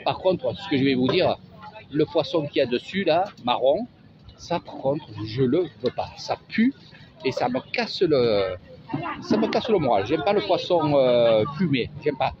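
A man's voice: fairly high pitch, sing-song, unhurried, background noise. A man with a Marseille accent, chatty and sing-song, giving a casual walking tour of an outdoor market as a travel vlogger. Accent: Marseille French. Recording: dull lo-fi audio with music.

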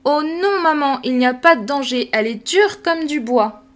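A woman voicing an excitable little girl in a storybook reading, pleading in a high, breathless voice. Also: moderate pace. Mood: tearful, insistent.

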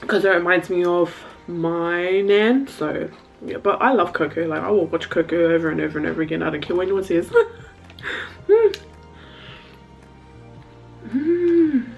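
A woman's voice: lowish voice, moderate pace, gravelly, soft background music, poor audio. A woman vlogger chatting casually to camera while eating, talking loosely with many "like"s and frequent laughs. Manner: chatty, laughs often, lots of "like". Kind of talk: casual mukbang chat to camera.

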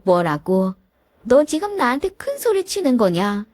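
A woman's voice: on the high side, big pitch swings, a little slow, a little mellow, no room sound, studio quality, voice pushed up. A woman voicing a domineering, scolding older mother-in-law in a commanding tone.

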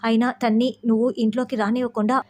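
A woman's voice: fairly high pitch, level tone, quick pace, natural voice. A woman voicing an angry young man who scolds his former love with harsh, accusing questions.

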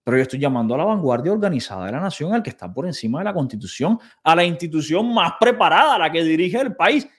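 A man's voice: fairly high pitch, very animated, fast, hardly any pauses, husky. A man commenting on played clips, sarcastic and indignant, mockingly repeating quoted phrases. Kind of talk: video commentary.

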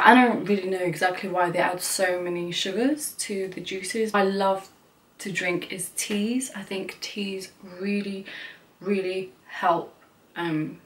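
Chatty young woman vlogger, slightly distant. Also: mid-range voice. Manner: chatty, peppered with "like" and "you know". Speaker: beauty vlogger. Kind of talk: casual chat to camera.

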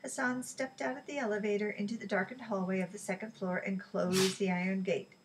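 A woman reading a novel aloud in a relaxed way, sometimes stumbling and correcting herself. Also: medium pitch, a little fast, background noise. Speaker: reader.

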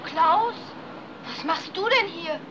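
A woman's voice: very high-pitched, animated, slow pace, dull audio, heavily acted. An actress playing a young woman in a 1950s film, proud and defensive in love. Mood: irritated. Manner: defensive, then wistful. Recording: old film soundtrack with clear hiss.

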